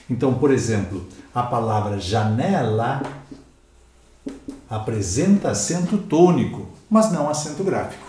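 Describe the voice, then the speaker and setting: A man's voice: mid-range voice, mellow. Didactic Brazilian man teaching in a roomy space. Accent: Brazilian Portuguese. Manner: didactic, stresses example words, asks "ok?" and "certo?". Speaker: Portuguese teacher. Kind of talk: recorded exam-prep lecture.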